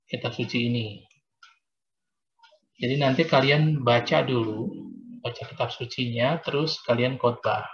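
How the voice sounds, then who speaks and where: A man's voice: mid-range voice, slight background noise. A man teaching religion, explaining a practical exam to his students in a casual, patient way with frequent fillers, over a video call. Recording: dull lo-fi video call audio.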